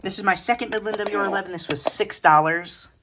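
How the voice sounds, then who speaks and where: Indoors at home, a woman gives a casual, matter-of-fact show-and-tell of her hobby collection in short, clipped phrases. Her voice is medium-pitched, quick and a bit bright, with a little hiss or hum in the recording.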